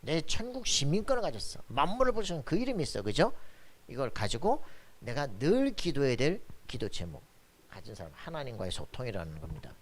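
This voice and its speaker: A man's voice: mid-range voice, wildly swooping pitch, a little fast. A man preaching a sermon as pastor, emphatic and colloquial, often asking his congregation for agreement. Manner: emphatic preaching with frequent "그죠?" tag questions; colloquial, blunt asides.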